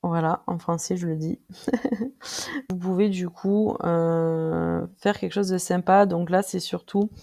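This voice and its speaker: Tutorial presenter, casual screen-recording, very creaky and mellow, hesitant with lots of fillers. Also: medium pitch, steady tone. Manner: hesitant, frequent filler pauses while clicking through; friendly, addresses viewers directly.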